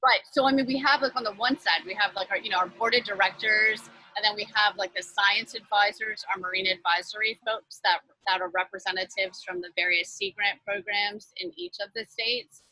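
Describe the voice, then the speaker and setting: A woman's voice: mid-range voice, steady tone, brisk, hardly any pauses, pushed and bright, poor audio. A woman talking as a guest on a video call from her front porch office, chatty and upbeat with lots of fillers. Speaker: guest, nonprofit leader. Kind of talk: casual interview chat.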